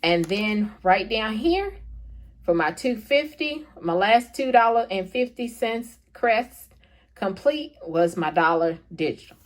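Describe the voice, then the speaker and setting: A woman vlogger talks through her shopping haul in a loose, casual way, speaking to her viewers as y'all. She keeps tagging her points with a quick "okay?" and sounds like she is chatting with friends. Her voice sits at an ordinary middle pitch for a woman. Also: lively intonation. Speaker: couponing vlogger.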